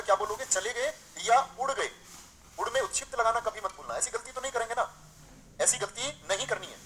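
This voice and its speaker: A man teaching a live online grammar class. He keeps asking his students rhetorical questions, reads example sentences aloud slowly before correcting them, and calls the students dear friends. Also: very high voice, pushed and bright, a little hiss or hum, low-quality recording.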